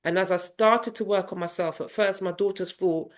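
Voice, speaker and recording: A woman's voice: mid-range voice, moderate pace. A woman in her fifties, a parenting coach, telling her personal story in an interview in a candid, reflective way and acting out family voices. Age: 50s. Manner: animated, acts out family dialogue in voices.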